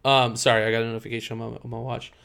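A man's voice: medium pitch, little pitch movement, racing, creaky, a bit bright, clean tone. A man co-hosting a casual podcast in slangy, hyped bro talk, swearing freely. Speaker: podcast co-host.

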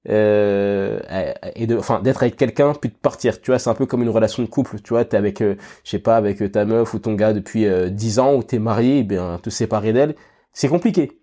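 Sniffling from a cold, this man runs a casual solo podcast in a warm, lowish voice that moves a little fast. Full of fillers and restarts as he thinks aloud, he keeps addressing the listener directly with "tu vois".

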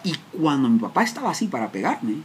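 A man's voice: mid-range voice, very animated, fast. Brief: Guatemalan man, personal storytelling talk, emotional and dramatic, stumbles and restarts, faint background hiss. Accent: Guatemalan Spanish. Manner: emotional, self-interrupting, dramatic retelling.

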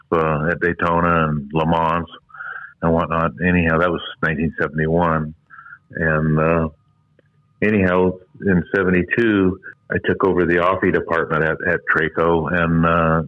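Over a muffled, glitchy phone line, a man in his seventies speaks in a low voice, with no room sound, about his years building engines. The dull lo-fi call captures his rambling recollection, full of fillers and asides that trail off.

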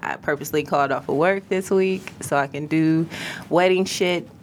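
A woman's voice: low-pitched, normal speed, slight background noise. A woman with a Detroit-area American accent co-hosting a podcast in casual, teasing, blunt banter. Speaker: podcast co-host. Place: podcast studio.

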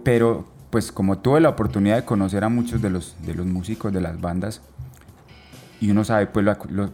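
A man talking casually, often repeating and restarting words, with relaxed local slang. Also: on the low side. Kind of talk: casual chat.

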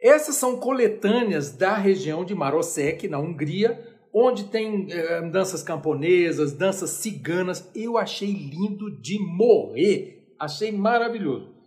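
A high-pitched, expressive Brazilian man speaks a little slowly, his tone on the dark side. In a Brazilian Portuguese accent, he gives a chatty, informal music lecture, belittling himself playfully and singing note names aloud.

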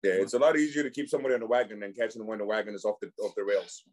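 A Cameroonian physician and clinic founder in his forties appears as a guest on a casual podcast, speaking in an easygoing way with a somewhat low, slightly mellow voice. His speech is halting, with frequent restarts and repeated words while he searches for the right one.

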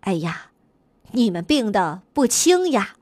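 A woman's voice: medium pitch, sing-song, slow, darkish tone, dry recording, voice pushed down. A woman voicing a wise male monkey doctor who explains things knowingly in a storybook.

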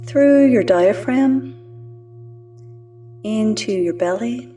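A woman gently and soothingly guiding a calm, grounding meditation exercise as a host, in an unhurried way. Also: on the high side, distant mic. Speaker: host of a wellness podcast.

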